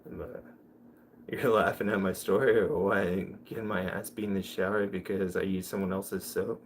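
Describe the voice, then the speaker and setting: A young man's low, steady voice carries rambling, joke-filled stories on a casual livestream, delivered at a moderate pace over slight background noise.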